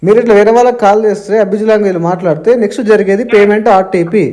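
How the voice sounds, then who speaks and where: A man argues hard on a phone call, firing off his points at great speed. His voice is dark and mellow, and he keeps circling back to the same phrases, dropping in English words. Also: sits high, racing, a little hiss or hum. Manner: argumentative, repeats himself, mixes in English phrases. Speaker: borrower on a call with an agent. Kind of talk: heated phone argument.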